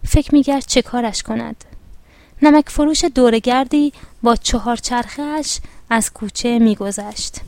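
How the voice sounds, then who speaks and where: Woman storyteller, measured children's-story reading, a bit high, dry sound. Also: darkish tone, dry recording.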